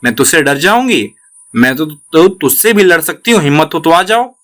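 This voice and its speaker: A man's voice: fairly high pitch, expressive, normal speed, fairly bright tone. A man reading the lines of a tiny, boastful female fly from a children's storybook in a taunting, challenging manner.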